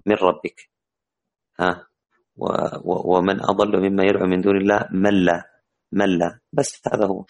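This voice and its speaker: A low-pitched man teaches the rules of Quran recitation in an online class. His explanations are full of hesitant, drawn-out fillers.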